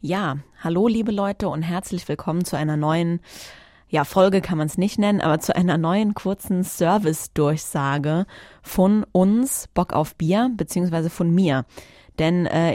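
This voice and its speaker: A woman with a mellow, lowish voice hosts a podcast alone, making a casual announcement from a studio. She chats informally and often searches for her words, and the recording is dry.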